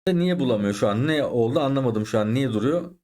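A man's voice: medium pitch, lively intonation, quick pace, darkish tone. A man with a sore throat, commentating his own soccer gameplay and getting frustrated and swearing at the opponent and the game. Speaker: gaming YouTuber.

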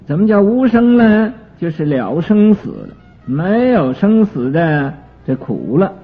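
Slow, husky man giving a sutra lecture. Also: sits high, huge pitch swings. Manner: explains terms slowly with many drawn-out fillers. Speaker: Buddhist lecturer. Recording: tinny lo-fi recording with faint music.

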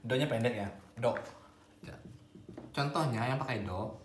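A man's voice: medium pitch, normal speed, echoey room. A man with an Indonesian accent teaching Japanese in a casual video lesson, playful and teasing, laughing often.

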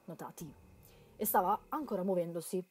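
An Italian woman translating and reading a horror game aloud, moving between quiet narration and loud joking remarks. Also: lowish voice, moderate pace, husky. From Italy. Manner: reads narration softly then breaks into loud, playful commentary. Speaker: let's play host translating a game aloud.

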